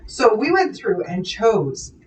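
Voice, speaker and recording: A woman's voice: medium pitch, very animated, slow, darkish tone, far from the mic. A Midwestern American woman telling shop stories on a live stream, trailing off and giggling along the way. Her voice sounds set back from the mic in an echoey room. A faint hum runs underneath. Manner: giggly, storytelling, trails off mid-sentence. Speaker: co-host of a live quilt shop show. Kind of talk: casual live-stream chat.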